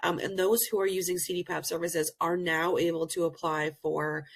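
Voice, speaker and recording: Her pitch fairly low and her tone steady, the woman delivers a webinar presentation as presenter and program director over a video call. Recovering from illness, she sounds a little hoarse and pauses often while earnestly explaining.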